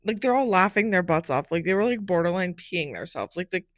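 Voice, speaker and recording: A woman's voice: lowish voice, animated, brisk, no echo, studio quality. A young woman hosting her own podcast, telling stories in a casual solo chat. She keeps saying "like" and sounds a bit groggy from a nap. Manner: chatty, fills speech with "like". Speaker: podcast host.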